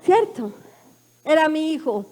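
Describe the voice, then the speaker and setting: Una mujer colombiana con acento colombiano que da su testimonio en una prédica, narrando con emoción y pasando de susurros a exclamaciones. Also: female voice, high voice, big pitch swings, measured pace. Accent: Colombian Spanish. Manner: emotional, dramatic storytelling with swings from hushed to loud. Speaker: preacher giving testimony. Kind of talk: sermon testimony. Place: church.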